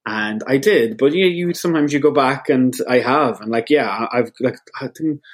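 An Irish man in his thirties talks as an interview guest, rambling and self-deprecating. His voice sits at an ordinary, middle pitch for a man. It sounds like casual, unscripted chat. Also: normal speed. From Ireland. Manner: chatty, rambling, self-deprecating with frequent laughs. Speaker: radio presenter, guest.

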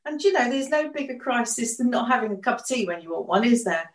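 A woman's voice: fairly high pitch, expressive, quick pace. An older English woman co-hosting a casual podcast chat, telling stories in a chatty way and laughing often. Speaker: co-host and artist. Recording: echoey room.

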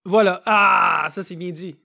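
A man's voice: high-pitched, steady tone, measured pace, vocal fry, sharp tone. A man, a comedian chatting casually as a podcast guest. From Egypt.

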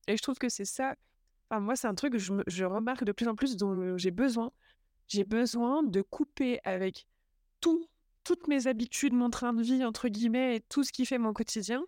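A woman's voice: fairly high pitch, a little mellow. A young woman talks casually into a close microphone. She sounds enthusiastic and chatty and often stops to look for her words. The sound is dry, with no room echo. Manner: chatty, enthusiastic, many fillers. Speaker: podcast host. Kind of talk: casual travel chat.

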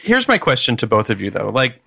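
Bright, earnest man asking questions. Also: medium pitch, wildly swooping pitch, brisk, gravelly, husky. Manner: curious questioner, anxious and earnest. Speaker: podcast co-host. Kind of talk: casual chat.

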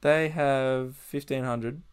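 A man's voice: medium pitch, steady tone, slow, smooth. A man co-hosting a casual podcast on a USB mic, laid-back, swearing casually and chuckling often. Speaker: podcast co-host. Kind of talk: casual chat.

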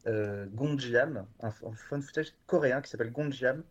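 A man's voice: mid-range voice, normal speed. Guy chatting all hyped, stumbles and restarts a lot, kinda muffled audio. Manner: enthusiastic, rambling with many fillers and restarts. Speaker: guest from a horror streaming platform. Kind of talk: casual podcast chat.

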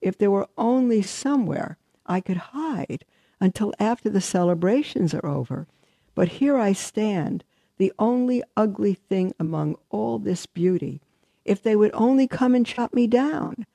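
A gentle old tree speaks in a sad, soft voice, as a woman reads him in a storybook. The tone is husky and gravelly, dark and mellow, close and dry. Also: medium pitch, animated, unhurried, no echo, pitched above the performer's own voice.

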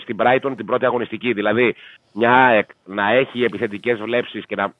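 A man talking through a football match as an analyst, measured and thinking aloud with fillers. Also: on the low side, fairly even intonation, dry recording. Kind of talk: casual sports betting talk. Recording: tinny dry phone line.

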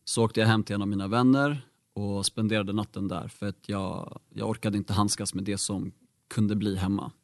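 A man's voice: on the low side, steady tone, no room sound, studio quality. A young man, a guest in an interview, telling a personal story in a candid, reflective way with many fillers.

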